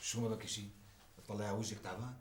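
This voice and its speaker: An actor playing a protective, insistent older brother in a TV drama. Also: male voice, fairly low pitch, little pitch movement, very fast, slight background noise, natural voice. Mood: coaxing. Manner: coaxing, insistent, rising to shouts. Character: protective young man, pushy and anxious. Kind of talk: TV drama acting.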